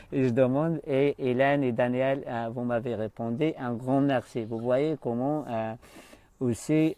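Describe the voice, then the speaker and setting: On a dry recording, a life coach speaks off the cuff to live-stream viewers in a mellow, mid-range voice. His coaching comes out haltingly, as he frequently gropes for the right words.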